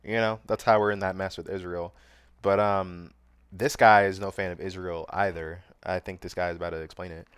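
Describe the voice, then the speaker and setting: A man's voice: low voice, steady tone, fairly quick, fairly bright tone, clear, resonant tone, no room sound. A young man commentating casually on a livestream while reacting to news clips, loose, slangy and sarcastic, laughing at his own jokes.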